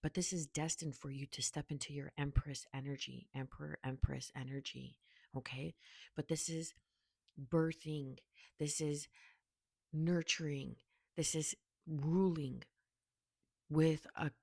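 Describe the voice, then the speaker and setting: A woman giving a spiritual tarot reading to her viewers, soft-spoken, often checking in with a quiet "okay?" and dropping to near-whispers. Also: sits low, fairly even intonation, unhurried, creaky, dry recording, studio quality. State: hiccuping. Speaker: tarot reader.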